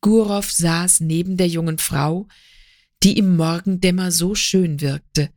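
A woman narrating a literary story as an audiobook in a calm, measured way. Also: on the low side, dry recording, studio quality.

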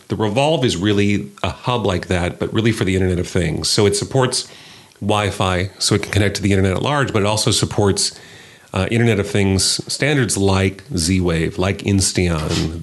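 Low-voiced man explaining tech, full of ums. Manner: explains eagerly, many ums. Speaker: podcast co-host. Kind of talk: casual tech podcast chat.

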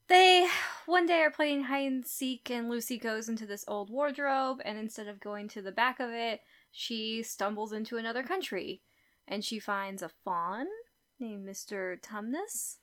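A woman co-hosting a book podcast, retelling a story in a giggly, animated way. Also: medium pitch. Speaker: podcast co-host. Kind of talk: casual book podcast chat.

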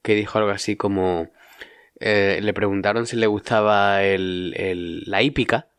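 A man with a lowish voice, recorded dry and close. He hedges his points, stumbling through fillers and restarts in a relaxed podcast chat. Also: a little slow, clean tone, dry recording. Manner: hesitant, with many fillers and restarts. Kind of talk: casual chat.

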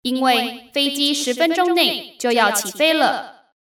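A polished female airport announcer, read by a woman teacher, gives flight notices as if over the intercom. Her voice is bright and fairly high, measured and formal. It sounds roomy and set back from the mic. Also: expressive. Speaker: Chinese teacher. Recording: roomy, distant-miked echo.

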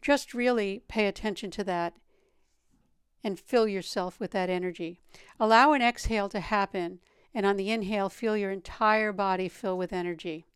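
Woman guiding a meditation, calm meditative tone, really smooth clear voice, dry close sound. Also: mid-range voice, moderate pace, no room sound. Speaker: meditation teacher. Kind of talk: guided meditation instruction.

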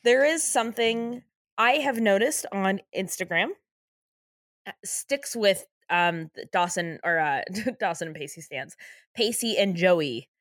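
A woman's voice: medium pitch, animated, measured pace, fairly bright tone, dry recording, studio quality. A young woman co-hosting a casual chat, wry and teasing as she recaps a TV show. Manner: wry, teasing, laughs often, swears casually. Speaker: podcast co-host.

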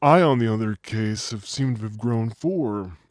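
A man talks in a deep gas voice, lowered by a heavy gas he has breathed, and sits lower than most men. He jokes around in playful banter as co-host, recorded dry with no room sound. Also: unhurried, darkish tone, no echo. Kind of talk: casual chat.

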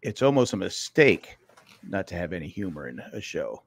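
Stammering podcast man with a low voice. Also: big pitch swings, moderate pace, vocal fry, slightly rough, dry recording. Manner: rambling, stammering restarts. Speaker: podcast co-host. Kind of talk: casual chat.

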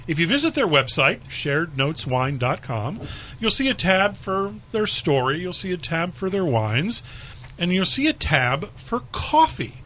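A man hosting a radio show, teasing his co-hosts in a lively manner. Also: fairly high pitch, a little hiss or hum. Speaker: radio host.

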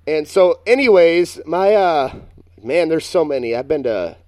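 Dark-voiced man telling a rambling story. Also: on the high side, a little slow, dry recording, studio quality. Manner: rambling, animated, self-mocking storyteller. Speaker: podcast co-host. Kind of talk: casual storytelling chat.

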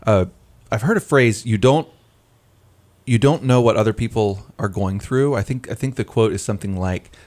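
A man's voice: on the low side, normal speed, a little mellow. A man hosting a casual chat about work, often affirming others with "right" and "yeah.". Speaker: podcast host.

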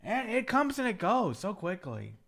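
Male podcast host, casual and rambling, lively up-and-down pitch. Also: moderate pace, creaky. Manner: rambling, trailing off with fillers. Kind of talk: casual chat.

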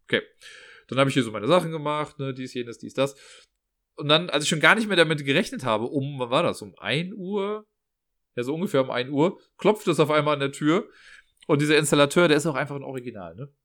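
An after-school care worker tells a story in a casual personal vlog monologue, chatting away, acting out dialogue and often tagging his lines with "ne?". His slightly high, somewhat bright voice has lively intonation and a brisk pace.

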